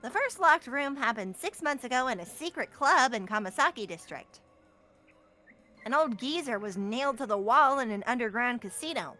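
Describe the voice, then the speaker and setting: A woman's voice: on the high side, lively intonation, moderate pace, pushed and bright, soft background music. A woman voicing a cool, aloof, businesslike detective with composed, curt delivery in a game fan dub.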